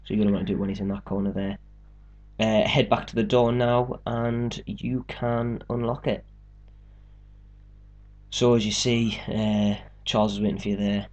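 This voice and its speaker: A man's voice: lowish voice, little pitch movement, normal speed, darkish tone, muffled recording. A young man casually talking through a game walkthrough, explaining steps and joking around. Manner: chatty, joking, explains step by step. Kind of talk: casual gameplay commentary.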